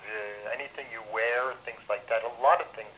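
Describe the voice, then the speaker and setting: A man heard over a phone line, a guest calmly explaining business matters with examples. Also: medium pitch, brisk, a little hiss or hum. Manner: explains with hypothetical examples, talks to folks directly. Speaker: interview guest, music business advisor. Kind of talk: casual explanatory interview. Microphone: telephone.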